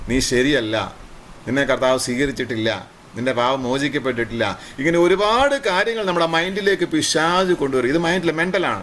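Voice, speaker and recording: A man preaching a sermon as pastor, rising on emphatic lines and dropping to low muttered praise asides. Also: fairly bright tone, a little hiss or hum.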